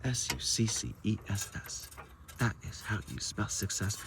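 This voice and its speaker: A man with a lowish voice talks straight to his viewers in a relaxed how-to vlog, cracking wry complaints as he works. He films himself outdoors on a handheld phone. A steady, clearly audible outdoor noise sits under his voice. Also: a little slow. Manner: chatty, talks to viewers, grumbles with humor. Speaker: DIY vlogger. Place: outdoors on wet grass beside a pickup truck.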